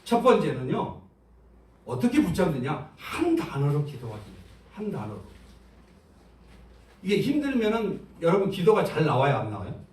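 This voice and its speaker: A male pastor preaches a sermon in a church sanctuary, speaking conversationally and putting questions to the congregation. His voice sits on the high side and is a little mellow, with huge pitch swings, a moderate pace, and long pauses. The recording picks up roomy church sound from a distance.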